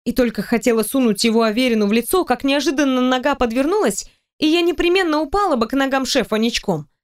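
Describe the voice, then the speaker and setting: Wry woman narrating an audiobook, slightly high. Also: fast talker. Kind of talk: first-person scripted narration.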